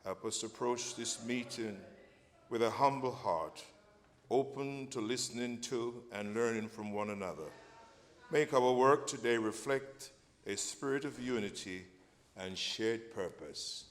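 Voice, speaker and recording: Slow, solemn clergyman at a pulpit mic. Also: medium pitch. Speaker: clergyman leading prayer. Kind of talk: opening prayer. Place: large council chamber. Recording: long reverb of a large chamber.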